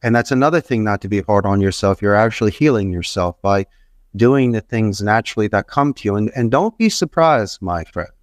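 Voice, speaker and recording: A call center entrepreneur from Philadelphia, middle-aged and appearing as a podcast guest, dispenses rambling motivational business tips with emphatic repetition. He talks a little fast in a low, expressive voice, captured in clean, dry studio sound.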